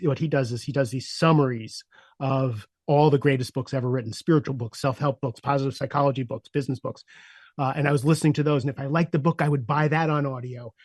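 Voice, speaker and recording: A man in his sixties, a podcast guest, telling his personal story candidly and reflectively, with frequent "uh" fillers and a voice that sinks softer at heavy moments. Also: mid-range voice, no room sound, studio quality. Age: 60s.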